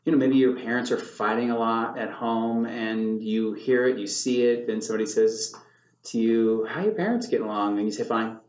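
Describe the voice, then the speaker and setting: A man's voice: mid-range voice, fairly quick, a little mellow, echoey room, rough recording. Older man with dry sarcastic humor. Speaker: podcast co-host. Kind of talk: casual podcast conversation.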